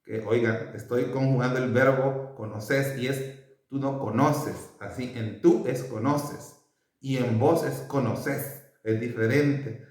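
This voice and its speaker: A man from El Salvador with a Salvadoran Spanish accent, giving a casual language lesson and repeating each word slowly for his learners. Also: mid-range voice, fairly even intonation, a little mellow. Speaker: language teacher. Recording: very echoey room, voice far from mic.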